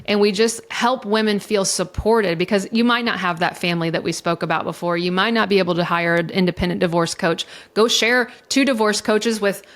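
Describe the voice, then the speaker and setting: A middle-aged woman speaking frankly in a podcast interview, her pitch sitting in the middle of the range. Her talk is emotional and raw, with swearing mixed in as she tells her story. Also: steady tone, brisk, few pauses, fairly bright tone. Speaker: divorce coach and mediator guest. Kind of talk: candid conversational interview.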